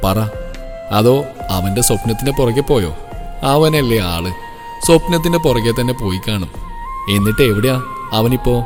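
A man's voice: medium pitch, animated, normal speed, long pauses, lightly acted. A man voicing a kindly old schoolteacher. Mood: caring. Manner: gentle, caring, firm when angered. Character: kindly older retired woman teacher. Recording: reverberant audio with soft music.

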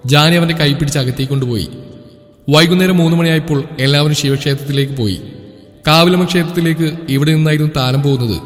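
A man's voice: a little high, quick pace. Man narrating a story over music. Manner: steady, descriptive reading. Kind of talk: scripted narration of a romance story. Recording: echoey room with background music.

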